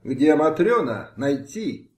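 A man's voice: on the high side, very animated, slow pace. Man voicing a frantic hot-tempered nobleman. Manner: barking short orders. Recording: roomy home recording.

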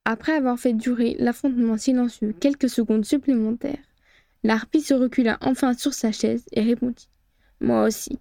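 Brief: a woman narrator with a gravelly, mellow tone, measured storytelling, dry sound. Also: on the high side, steady tone, no room sound. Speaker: audiobook reader. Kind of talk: fan fiction audiobook narration.

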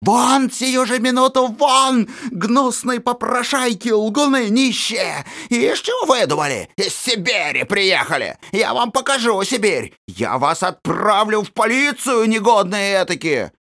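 A man's voice: sits high, sing-song, measured pace, few pauses, sharp tone, pitched above the performer's own voice, exaggerated voice. A man voicing a frantic, hostile poor woman who screams breathlessly with rage in a storybook reading. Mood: raving.

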